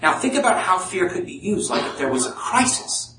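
Brief: man voicing a fearful catastrophizer, halting, higher pitched, echoey room at a distance. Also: very animated. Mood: worried. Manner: nervous, halting, pitching up with worry. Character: anxious male catastrophizer, fearful and questioning. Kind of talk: live speech role-play. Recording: echoey room, mic at a distance, faint noise.

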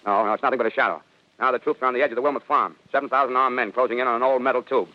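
A male actor plays a military captain reporting from the field in an old radio play. He is quick and clipped, at a middle pitch. The 1930s recording is dull. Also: fairly even intonation, lightly acted. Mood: mounting alarm. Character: confident male army captain reporting from battlefield.

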